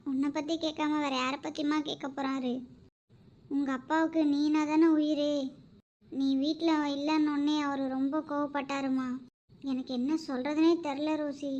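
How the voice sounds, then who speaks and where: A woman's voice: sits high, little pitch movement, moderate pace, darkish tone, lightly acted. A woman voicing an anxious wife and mother in a homemade cartoon, pleading and soothing. The recording is dull and lo-fi. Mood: worried.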